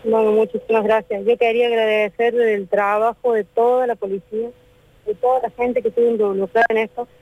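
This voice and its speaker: A woman's voice: a little high, flat delivery. Distraught Argentine woman on a phone line. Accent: Argentine Spanish. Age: 30s. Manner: distraught, repeats herself, talks in long rushed runs. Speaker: interviewee on a radio show. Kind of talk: emotional phone interview. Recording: dry tinny phone line.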